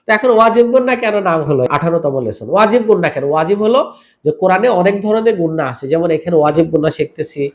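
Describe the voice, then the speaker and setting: A man teaching Quran recitation rules, spelling out each letter and vowel mark and then drawing the words out slowly in a chanted style, asking the listener to repeat. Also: a little high, animated, lo-fi sound. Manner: asks the listener to repeat after him. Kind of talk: step-by-step tajweed lesson.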